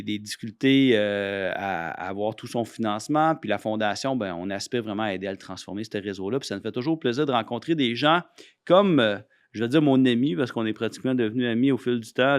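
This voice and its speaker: A man's voice: mid-range voice, clear, resonant tone, dry recording, studio quality. Chatty Québécois man hosting a podcast. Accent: Québécois French. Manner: chatty, many restarts and fillers. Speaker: podcast host, foundation CEO. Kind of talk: casual podcast interview.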